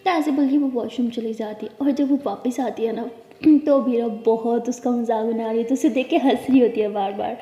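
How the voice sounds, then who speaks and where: A woman with a high voice tells a story casually and chattily, as if to a friend. The recording is dull and lo-fi, with a long echo from a bare room. She links each spoken line with a quick "she says.". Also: steady tone, mellow. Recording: echoey room, dull lo-fi sound.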